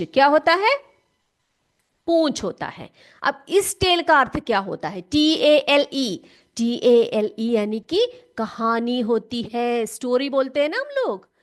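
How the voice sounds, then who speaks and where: A woman teacher speaks in a high voice at a slow, unhurried pace. She patiently repeats words and keeps asking the class questions. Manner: calls students "beta" warmly. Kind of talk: classroom lesson.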